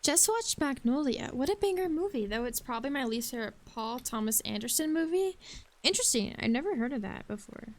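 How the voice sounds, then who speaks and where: A woman's voice: high voice, lively intonation, a little fast. A young woman streamer chatting casually, reading chat aloud between comments.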